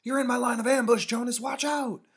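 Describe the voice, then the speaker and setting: A man voicing an excited young boy who shouts through a pretend war game in a storybook read-aloud. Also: a little fast, husky, heavily acted. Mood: shouting excitedly. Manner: loud, shouted, much higher than his reading voice.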